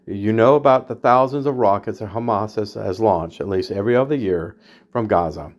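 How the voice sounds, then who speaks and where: A man's voice: on the low side, normal speed. A man giving a rambling, opinionated political monologue, hesitant and full of fillers and restarts. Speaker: political commentator.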